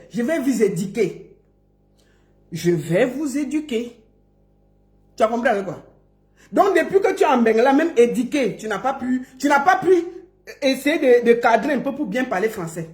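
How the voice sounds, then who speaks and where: A woman delivers a mocking rant to her online audience, stretching out syllables like a teasing schoolteacher. Her voice sits high and swings widely in pitch. The sound rings in an echoey room. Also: lively intonation, fairly quick. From Cameroon. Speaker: online commentator. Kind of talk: mocking live-stream rant.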